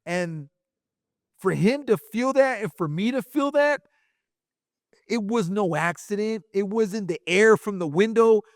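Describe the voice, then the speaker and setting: Here a man's high, expressive voice moves at an unhurried pace, recorded dry with clean studio sound. He co-hosts a podcast and, in casual conversation, tells a personal testimony with emotion, repeating himself and frequently saying "bro."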